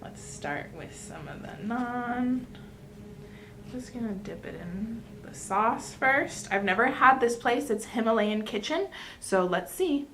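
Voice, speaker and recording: A woman's voice: on the high side, lively intonation, slow, a bit bright, a little hiss or hum. A woman hosting a mukbang, chatting casually to viewers between bites of food. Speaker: mukbang host. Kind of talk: casual eating-show chat.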